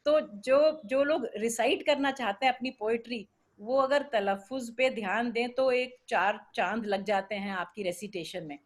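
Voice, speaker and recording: A woman speaking earnestly in a casual discussion, pausing often with fillers. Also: fairly high pitch. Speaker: workshop participant.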